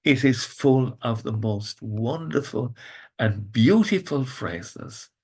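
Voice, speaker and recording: A man with an Irish accent giving a devotional reflection as a priest, reading scripture and commenting in a lilting, expressive storyteller manner with drawn-out emphasis. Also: mid-range voice, breathy edge. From Ireland.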